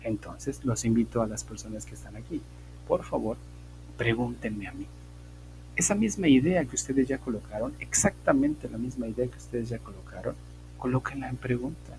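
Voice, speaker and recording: A man's voice: mid-range voice, moderate pace. A man teaches an English grammar class online, explaining patiently and repeating key points. He checks in with his students again and again. A faint hum sits under his voice.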